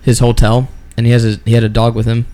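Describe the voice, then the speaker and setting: A man's voice: mid-range voice, completely flat delivery, fast talker, warm tone. A man co-hosting a casual podcast chat, blunt and grumpy in tone. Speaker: podcast co-host.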